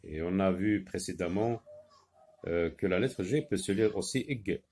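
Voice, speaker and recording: A man teaching a reading lesson to young children, slowly modelling sounds and repeating words. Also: deep voice, a little mellow, breathy edge.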